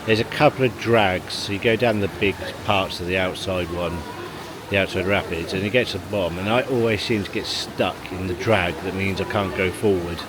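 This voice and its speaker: This is a low-pitched, brisk man's voice from a family vlog, with him chatting casually to camera and rambling with chuckles between remarks. The scene shifts from an outdoor car park to a leisure pool, and loud background noise fills the handheld recording.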